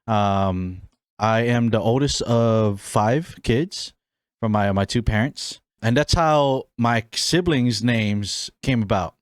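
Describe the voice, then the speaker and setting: A young man from Hawaii hosts his own podcast, chatting casually about himself in a rambling, friendly way full of fillers and restarts. His voice sits on the low side and moves slowly and smoothly. The recording is studio quality with no echo.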